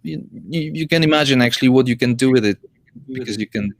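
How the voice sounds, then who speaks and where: A man in a casual tech chat, explaining gear in a halting way with repeated word beginnings, speaking through a laptop's built-in microphone. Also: medium pitch. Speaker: audio software user explaining gear. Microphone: talking through the laptop's built-in microphone.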